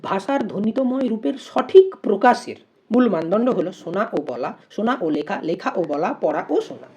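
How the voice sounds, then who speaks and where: Lively, mellow-voiced woman teacher. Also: medium pitch, normal speed. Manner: reads out questions and options, then explains step by step with rhetorical questions. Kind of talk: exam-prep lesson going through multiple-choice questions.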